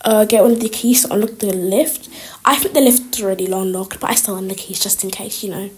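A woman voicing chatty teen schoolgirls sneaking into a school, talking quickly with lots of fillers. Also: medium pitch, darkish tone, pitched below the performer's own voice, natural voice. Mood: giddy. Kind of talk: toy-game roleplay voiceover.

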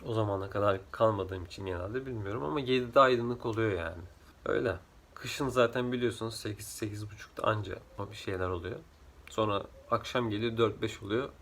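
A drowsy man chatting casually in a rambling vlog, his voice rough from just waking up, with slightly muddled L and R sounds. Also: on the low side, a bit bright. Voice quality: trouble pronouncing L and R sounds. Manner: sleepy, rambling, jumps between topics. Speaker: vlogger.

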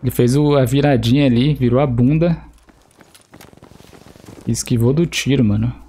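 A man's voice: medium pitch, normal speed, mellow. A young Brazilian man with a Brazilian Portuguese accent, joking and swearing casually as he streams gameplay and talks to teammates. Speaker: gaming streamer. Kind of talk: casual live gameplay commentary. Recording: faint game noise behind.

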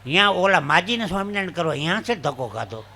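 On stage, a man from Gujarat, India, animatedly delivers jokes and folk tales, giving each character in them their own voice. This stand-up comedian speaks quickly in a gravelly, fairly high voice, with slight background noise behind him.

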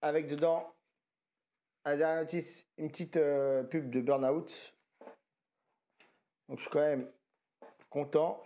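With a fairly high, level-toned voice, this man talks slowly, pausing often, his delivery mellow. A tired retro game collector vlogger from France, he shows off video games from a flea market in a rambling, casual haul commentary, frequently correcting himself with slang.

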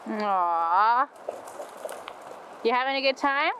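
A woman's voice: fairly high pitch, expressive, takes it slowly, noisy background. A woman camping outdoors, chatting cheerfully and teasing, heard from a distance on a camera mic. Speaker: fellow camper. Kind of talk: casual chat. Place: outdoors at a campsite.

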